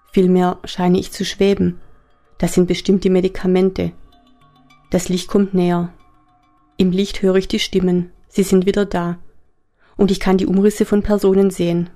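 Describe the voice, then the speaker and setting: A woman narrating a story in the first person, calm and introspective. Her voice is low, dark and mellow, with a gravelly rasp running through it.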